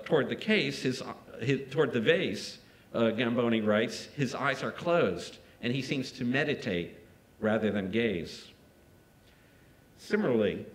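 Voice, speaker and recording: A man giving a prepared art-history lecture in a museum, measured, with small restarts and asides. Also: mid-range voice, low-quality recording. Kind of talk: reading a prepared lecture aloud.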